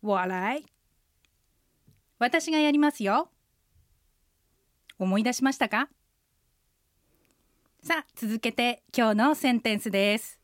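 A woman, an interpreter guide, teaching a radio language lesson, explaining phrases patiently and slowing down to model pronunciation. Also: fairly high pitch, no room sound, studio quality. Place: radio studio.

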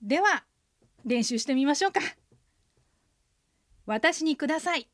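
A woman co-hosting a radio language lesson, explaining pronunciation clearly. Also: sits high, lively intonation, a little slow, fairly bright tone, no echo, clean studio sound.

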